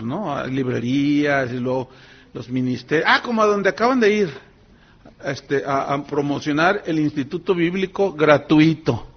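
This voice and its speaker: A man preaching a sermon as pastor, telling stories with lively acted quotes. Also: fairly high pitch, dull audio.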